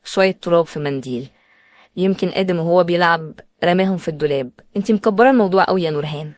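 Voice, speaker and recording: A woman voicing a cold, irritable husband who talks down and shouts, with an Egyptian accent. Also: on the high side, rapid-fire, no room sound, studio quality, lightly acted. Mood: cold, shouting. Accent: Egyptian Arabic. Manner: dismissive, scolding.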